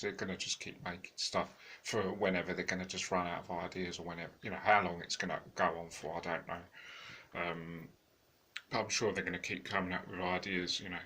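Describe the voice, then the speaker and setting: A man with a deep voice reviews a film in an unscripted, meandering way. He restarts his sentences and leans on fillers, and he sounds tired. His tone stays bright and pushy despite the low pitch. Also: slight background noise. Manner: rambling, many fillers and restarts. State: tired, yawning. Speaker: home video reviewer.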